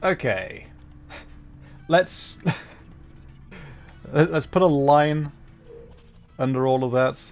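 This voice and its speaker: Soft background music plays as a man livestreams a video game, talking casually through troubleshooting in a flustered, apologetic, self-deprecating manner. He speaks very slowly with frequent pauses, at a fairly high pitch with a darkish tone.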